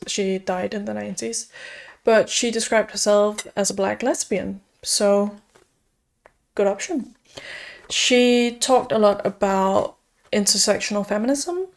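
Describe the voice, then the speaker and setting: A young native Danish speaker from Denmark chats casually in a mid-range, slightly mellow voice. She's an upbeat book vlogger whose conversational talk is sprinkled with frequent fillers.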